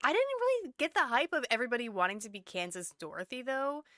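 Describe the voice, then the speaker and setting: Bright, crisp woman hosting a recap. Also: on the high side, wildly swooping pitch, fast talker, no echo, clean studio sound. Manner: chatty, laughs often. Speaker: podcast host. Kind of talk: casual recap chat.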